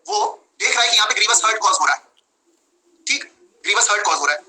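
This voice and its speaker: A young man teaching law in a live online class, lively, switching between Hindi and English and acting out his examples. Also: sits high, fast, rough recording.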